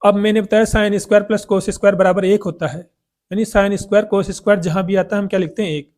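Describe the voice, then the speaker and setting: A man's voice: high voice, fairly even intonation, normal speed, a little mellow. A man teaching a math lesson, asking questions and answering them himself.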